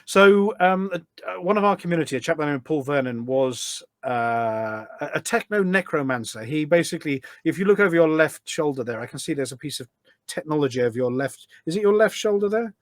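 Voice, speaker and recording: In this clean studio recording with no room sound, a middle-aged man's voice sits on the high side, expressive and brisk. He's a volunteer event organiser appearing as a podcast guest, chatting casually and at length in a conversational interview, with plenty of anecdotes in his explanations.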